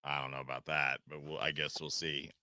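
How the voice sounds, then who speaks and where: A man hosting a casual sports talk show, relaxed and hesitant with plenty of fillers. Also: a bass voice, brisk.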